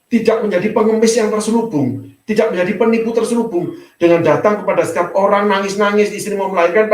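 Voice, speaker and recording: High-voiced pastor preaching in an echoey room. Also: male voice. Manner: conversational storytelling preaching, often addressing the congregation as "saudaraku". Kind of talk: sermon. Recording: echoey room, mic at a distance.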